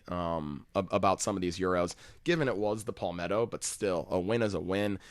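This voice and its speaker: A man's voice: lowish voice, clear, resonant tone, no room sound, studio quality. A man hosting a fantasy golf podcast, rattling off stats and picks in a casual, conversational way. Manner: stat-heavy, casual and conversational. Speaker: podcast host.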